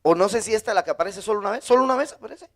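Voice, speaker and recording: A Guatemalan man preaching a sermon as pastor, lively, with sudden high emphatic bursts. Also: rapid-fire. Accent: Guatemalan Spanish.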